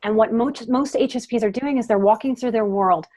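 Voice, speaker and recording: A woman's voice: a little high, a little fast, a little mellow. A middle-aged woman talking on a podcast as a guest psychotherapist. She speaks earnestly and leans hard into the key words. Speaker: guest psychotherapist and life coach. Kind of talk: podcast interview.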